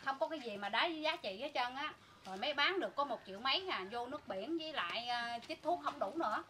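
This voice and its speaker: A woman with a Southern Vietnamese accent tells her side in emphatic, fast bursts. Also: high-pitched, lively intonation, bright, forceful tone, a little hiss or hum. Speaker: interviewee. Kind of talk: spoken account.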